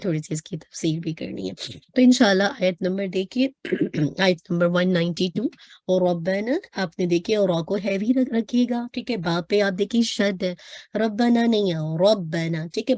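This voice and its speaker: A woman teaching tajweed in a patient, step-by-step way, at a middle pitch. She recites Arabic words slowly and stretches them out. Her voice sounds dry and close, with almost no room sound. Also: a little mellow, no echo. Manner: explains step by step in Hindi-English mix, repeats "thik hai". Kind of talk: online tajweed lesson.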